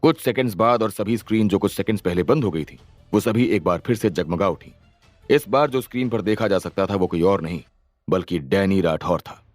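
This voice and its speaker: A man's voice: low-pitched, brisk, a little mellow, no room sound, soft background music. A man narrating an audio story with dramatic storytelling.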